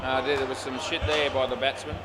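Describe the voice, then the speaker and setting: A man's voice: mid-range voice, flat delivery, brisk. A man with an Australian accent giving casual, laconic, matey amateur commentary and umpire calls at indoor cricket. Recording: noisy indoor sports hall, bouncing balls.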